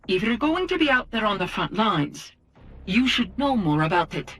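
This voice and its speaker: A woman playing a resolute military faction officer in a video game briefing, with a husky voice. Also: mid-range voice, very animated, normal speed, a bit bright. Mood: commanding, approving.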